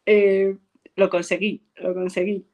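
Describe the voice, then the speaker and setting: A woman's voice: mid-range voice, measured pace. A woman, an actress from Spain, chatting in an interview and telling anecdotes, acting out quoted lines and laughing often. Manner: animated storyteller, acts out quotes and laughs a lot. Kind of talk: casual interview chat.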